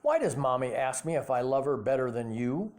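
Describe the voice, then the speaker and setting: A man's voice: medium pitch, big pitch swings, a little fast, darkish tone, natural voice. An older man reading a memoir voices a small boy asking earnest, puzzled questions. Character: small boy, eager and hurt.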